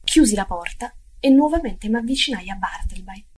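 A woman narrating a literary audiobook in a measured, expressive way, some phrases dropping nearly to a whisper. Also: mid-range voice.

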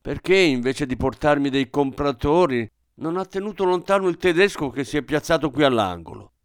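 A man's voice: on the high side, lively intonation, moderate pace, clean tone, dry recording, studio quality, pitched above the performer's own voice, close to an everyday voice. A man voicing a bitter, grumbling aging shopkeeper in a dramatic radio reading.

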